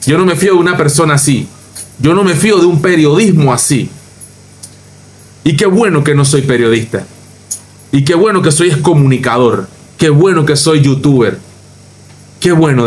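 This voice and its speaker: Ranting Panamanian man, higher voice. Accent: Panamanian Spanish. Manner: emphatic, repetitive, mocking. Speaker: youtuber. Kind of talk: ranting reaction commentary.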